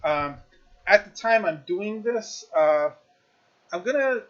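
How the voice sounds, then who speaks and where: A man's voice: sits high, lively intonation, takes it slowly, a bit bright, highs cut off. A man casually reviewing a video game on his stream, rambling with lots of fillers and restarts.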